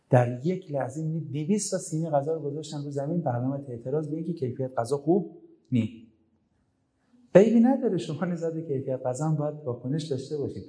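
A middle-aged university lecturer with a warm, rather high voice speaks to students about making demands. He's emphatic, full of rhetorical questions, and acts out the voices he quotes.

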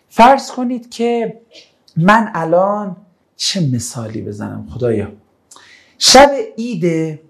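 Lively-voiced male religious teacher. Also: fairly high pitch. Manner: animated, calls on students and keeps rejecting answers. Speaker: teacher of Quran interpretation. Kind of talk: classroom lecture with questions to students.

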